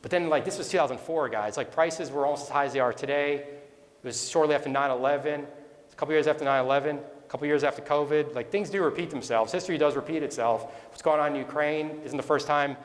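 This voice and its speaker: Man in his forties, fairly high voice, rambling conversational testimony, echoey hall with long reverb. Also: quick pace. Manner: conversational, rambling with restarts and asides. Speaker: speaker. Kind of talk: personal testimony talk. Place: event hall.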